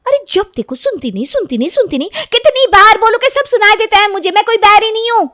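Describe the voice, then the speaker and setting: A woman's voice: very high voice, animated, fast talker, a bit bright, pitched above the performer's own voice. A woman voicing a stubborn, sulky teenage girl in a cartoon who answers snappily and defensively. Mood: indignant.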